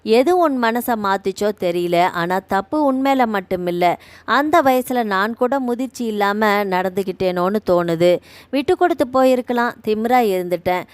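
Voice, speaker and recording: A woman voicing a kindly retired man who runs a care home; he talks gently and reassuringly. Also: medium pitch, lively intonation, moderate pace, clean tone, no room sound, natural voice. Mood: tender.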